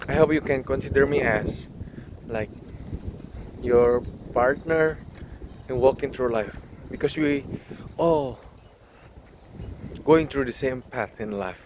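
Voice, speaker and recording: Walking outdoors, a vlogger in his 20s with an Indonesian accent talks through a relaxed, thoughtful monologue, pausing often and dropping in English phrases. He speaks at a medium pitch, and the audio picks up wind and surrounding outdoor sound.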